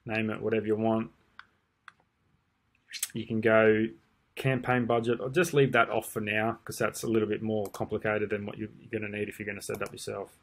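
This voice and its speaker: Sitting at a desk indoors, a man guides viewers through a marketing screen-share tutorial, loose and rambling, with plenty of ums and restarts. His voice is on the low side and brisk.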